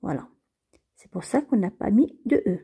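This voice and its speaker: A woman's voice: mid-range voice, lively intonation, normal speed, creaky, warm tone, breathy edge. A woman teaching beginners to read French, patiently repeating and spelling out each word. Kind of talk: slow reading lesson for beginners.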